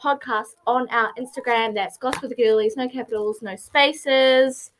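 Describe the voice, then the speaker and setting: A woman's voice: fairly high pitch, steady tone, moderate pace, a little hiss or hum. A teenage girl with a New Zealand accent, co-hosting a casual podcast and chatting with lots of fillers. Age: teens. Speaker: podcast co-host. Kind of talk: casual chat.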